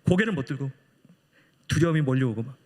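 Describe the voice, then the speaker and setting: A man's voice: mid-range voice, animated, fast talker, darkish tone. A middle-aged man, a missionary preacher telling a personal story in a sermon and acting out the voices he quotes. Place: church sanctuary. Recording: long church hall reverb.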